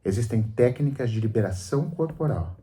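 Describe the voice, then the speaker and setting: A Brazilian man talking in a radio studio. His voice is mellow and relaxed, and he explains things in a didactic, storytelling way, with emphasis on his key points. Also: medium pitch, fairly quick. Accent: Brazilian Portuguese. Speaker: psychologist guest on a radio show.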